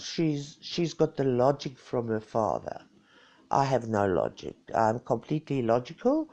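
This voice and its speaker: This vlogger, a woman in her sixties, has a deep, mellow voice captured with a lo-fi sound. Speaking in a Greek South African accent, she keeps her home live stream casual, playful and self-mocking.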